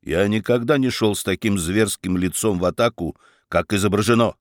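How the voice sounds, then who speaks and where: A stubborn, wistful old baron who talks in a quiet, measured way, as a man reads him aloud. His lines come soft and unhurried. The recording is dry and close, with no room sound. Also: on the low side, no room sound, close to an everyday voice. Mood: indignant. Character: aging male baron, calm, stubborn, wistful.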